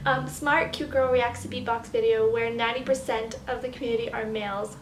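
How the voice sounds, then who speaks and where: A young woman reading comments aloud sarcastically and reacting in a casual, animated vlog style, recorded in a bedroom a little way from the mic. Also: fairly high pitch, fairly quick. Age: young adult. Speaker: video creator reacting to comments. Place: small bedroom, indoors. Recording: echoey bedroom, distant mic, background noise.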